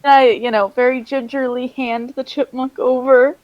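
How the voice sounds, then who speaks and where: A woman's voice: high-pitched, little pitch movement, normal speed, dull audio, slight background noise. A woman player in a tabletop game on a video call, talking hesitantly with many ums. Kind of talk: casual tabletop play.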